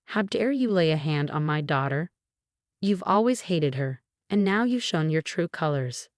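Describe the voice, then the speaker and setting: A woman's voice: low voice, animated, normal speed, no echo, clean studio sound. A woman voicing a furious, domineering middle-aged stepmother who speaks in a commanding way.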